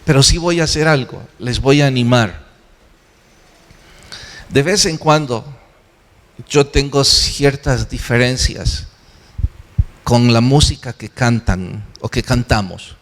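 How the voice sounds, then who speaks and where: A male pastor delivers a sermon at an unhurried, deliberate pace, pressing his congregation with questions he answers himself. His voice rings out with a long reverberant tail, as if recorded in a large church sanctuary. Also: mid-range voice, fairly bright tone. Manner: earnest, exhorting, asks and answers his own questions.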